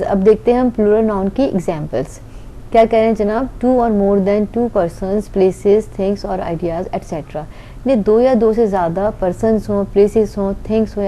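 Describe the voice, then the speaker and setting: Woman, grammar teacher, patient explaining, asks herself questions, very mellow tone, faint rumble behind. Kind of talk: online grammar lesson.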